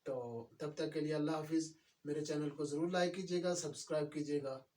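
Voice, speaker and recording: A man teaching a grammar lesson, explaining slowly and repeating words. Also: on the high side, steady tone, dark tone, far from the mic.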